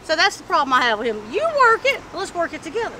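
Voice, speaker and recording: A middle-aged woman chatting candidly in a street interview, animated and talkative, in an outdoor parking lot. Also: extremely high pitch, quick pace. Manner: animated, chatty, acts out quoted voices. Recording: street noise in the background.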